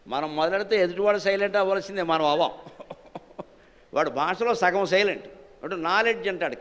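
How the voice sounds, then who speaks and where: A man delivers a religious discourse to a live crowd in a temple hall, emphatic and scornful as he hurls rhetorical questions at them. His high, slightly bright voice trails off with long reverb.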